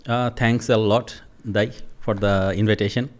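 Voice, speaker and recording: A man in his forties from Bangladesh, a native Bengali speaker, talking as a podcast guest in a thoughtful, relaxed conversational way. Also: on the low side, measured pace. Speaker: podcast guest, agile coach. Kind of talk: casual interview conversation.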